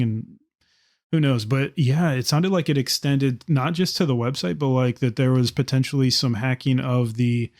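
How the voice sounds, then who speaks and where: Relaxed reflective man, dry close sound. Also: medium pitch, no room sound. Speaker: podcast co-host. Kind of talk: casual podcast discussion.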